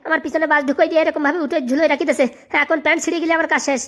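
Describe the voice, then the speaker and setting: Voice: high voice, fairly even intonation, very fast, fairly bright tone. A performer voicing a panicked male assistant in a comic cartoon, pleading and whining. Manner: pleading, whiny.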